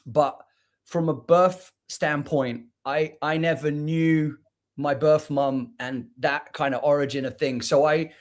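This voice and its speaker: Liverpool man, fairly high voice, reflective guest on a video call, restarts a lot. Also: steady tone, slow pace. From England. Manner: reflective, repeats words and restarts often. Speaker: guest poet. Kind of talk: casual interview chat.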